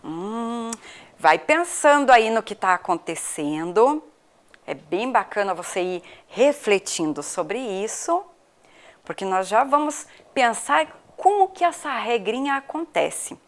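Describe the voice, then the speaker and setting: A woman's voice: a little high, big pitch swings, slow. A woman from Brazil, a primary school teacher, giving a patient video lesson to children and asking them questions. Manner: patient, questioning the pupils, spells out letters.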